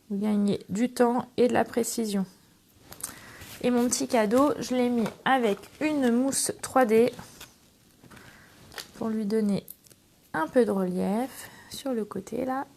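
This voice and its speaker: A woman's voice: fairly high pitch, a little mellow, slight background noise. A middle-aged woman hosting a casual scrapbooking tutorial, chatty and affectionate with her viewers as she works. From France. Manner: chatty and affectionate, talks to viewers while working. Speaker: craft demonstrator and channel host.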